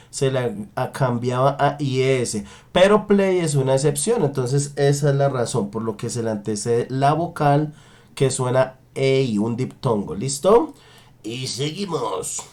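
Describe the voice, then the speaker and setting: A man teaching an English lesson, slowly drawing out example sentences and checking in with his students often. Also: medium pitch, darkish tone. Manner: slow, drawn-out model sentences in English. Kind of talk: online language lesson.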